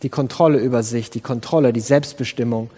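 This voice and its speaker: A man's voice: mid-range voice, fairly even intonation, brisk, dark tone, breathy edge, big-room sound. A man preaching an earnest sermon, thinking aloud with restarts and acting out quoted pleas in a raised voice.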